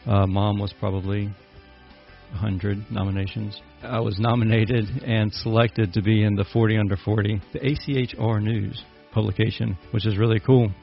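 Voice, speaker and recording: A man's voice: on the low side, level tone, moderate pace, gravelly, dull audio, soft background music. A man hosting a business podcast, chatty and easygoing, with frequent fillers. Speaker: podcast host. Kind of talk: casual podcast intro and interview.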